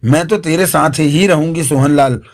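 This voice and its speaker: A man doing a sharp-tongued, bold woman. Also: a little high, normal speed, lightly acted. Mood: scolding.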